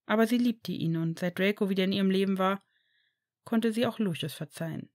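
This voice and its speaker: Woman, story reader, fan fiction, even narration, dry close sound. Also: medium pitch, fairly quick, dry recording. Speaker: audiobook reader. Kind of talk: reading fan fiction aloud.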